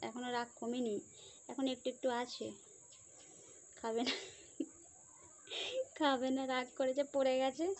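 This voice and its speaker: Woman, high voice, pet baby talk, repetitive and coaxing, background noise. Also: little pitch movement, unhurried, pauses often. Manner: coaxing, sing-song baby talk with repeated words. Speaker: pet owner filming her pet.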